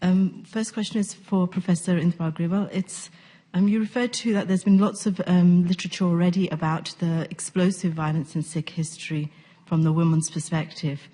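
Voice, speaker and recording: A woman's voice: fairly low pitch, fairly even intonation, moderate pace, mellow. A woman in the audience asking questions at a conference, polite and a little hesitant. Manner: polite, slightly hesitant, with fillers. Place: university conference room.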